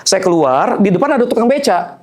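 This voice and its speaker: A man with a high voice preaches to his congregation and tells the story with real drama. He swings from a hushed low tone to loud, excited lines as he acts out each character. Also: a little fast. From Indonesia. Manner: animated, acts out characters in dialogue, addresses congregation often. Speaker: pastor. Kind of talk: sermon with storytelling. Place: church hall.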